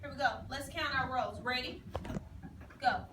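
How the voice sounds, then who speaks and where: A high-pitched woman teacher instructs a classroom in firm, proctor-like directives. She counts down and repeats her orders in short phrases. The recording is echoey, picked up from a distance, with clear room noise. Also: moderate pace. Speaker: second-grade teacher. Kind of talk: classroom instruction with call-and-response prompts.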